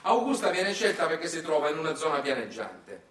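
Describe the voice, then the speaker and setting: A man with a Sicilian accent, a stage storyteller and monologue actor, delivers a dramatic, ironic theatrical monologue of satirical storytelling, slipping into dialect. His fairly high, sing-song voice is brisk and fairly bright, recorded roomy from a distant microphone with slight background noise.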